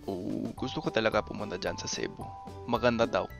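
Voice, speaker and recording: A man in his twenties from Canada chatting casually in choppy, deliberate phrases, with a non-native Tagalog accent. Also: lowish voice, gravelly, music in the background. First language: English. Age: 20s. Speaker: video maker talking with strangers online. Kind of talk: casual chat.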